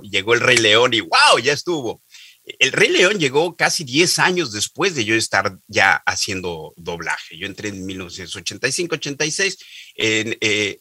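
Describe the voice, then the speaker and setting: A middle-aged man, a voice actor telling stories about his career as an interview guest, lively and repeating words as he thinks. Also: medium pitch, breathy edge, dry recording. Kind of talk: interview storytelling.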